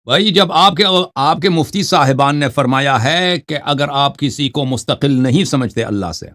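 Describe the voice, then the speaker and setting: A man's voice: medium pitch, animated, a bit bright, dry recording. A man hosting a heated religious debate, pressing his opponent with repeated, insistent questions. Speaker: debate host.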